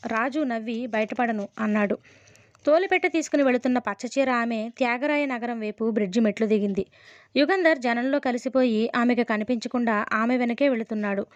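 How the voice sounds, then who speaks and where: A woman reading a suspense novel aloud as an audiobook narrator, in a steady storytelling manner and lightly voicing the dialogue. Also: on the high side, no room sound. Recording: dull, dry close recording.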